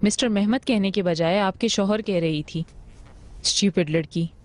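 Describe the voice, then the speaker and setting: A woman's voice: medium pitch, normal speed, lightly acted. A woman dubbing a haughty businesswoman in a TV drama, speaking curtly and with command. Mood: stern. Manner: curt, commanding. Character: haughty businesswoman, sharp with staff. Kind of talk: dubbed TV drama.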